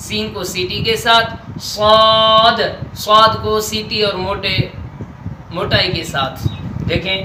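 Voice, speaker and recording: A man with a Pakistani Urdu accent teaching Quran letter pronunciation, drilling letters slowly and deliberately. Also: sits high. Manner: slow, deliberate letter drills with stretched sounds. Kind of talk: Noorani Qaida pronunciation lesson. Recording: echoey room with faint noise.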